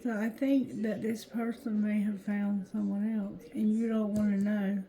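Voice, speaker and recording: A woman reads cards in a drowsy, mellow voice at a markedly slow pace. Her speech sits thick on the tongue and slightly slurred, and she moves haltingly, often repeating a phrase as she works through the reading. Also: mid-range voice, little pitch movement, rough recording. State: tired, drowsy. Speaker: tarot reader. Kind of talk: intuitive card reading, casual monologue.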